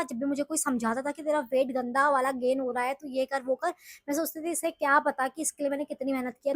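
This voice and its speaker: This is a young woman vlogger from the hills of Uttarakhand, northern India, telling viewers her story to camera in a chatty, confessional style. Her high voice has a fairly bright tone and comes through at studio quality, free of echo.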